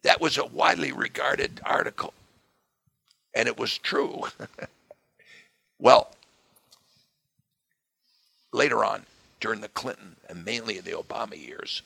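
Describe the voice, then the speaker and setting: Man, hoarse, very gravelly, bright, emphatic interview guest. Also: lowish voice, dry recording. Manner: emphatic, punches key words. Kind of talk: political interview conversation.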